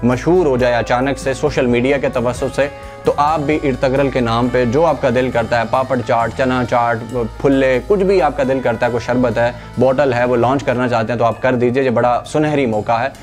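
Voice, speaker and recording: Speaking straight to viewers with a steady tone at normal speed, this young man from Pakistan presents current affairs for a news channel in a mid-range voice and a Pakistani Urdu accent. His style is conversational and full of fillers. He records in a green-screen studio on a clip-on lapel mic, faint background music audible.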